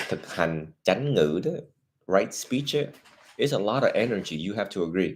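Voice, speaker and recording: A man's voice: lowish voice, a little hiss or hum. A man, a Buddhist monk, counseling a married couple, lecturing earnestly with rhetorical questions. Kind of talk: counseling session, mixing Vietnamese and English.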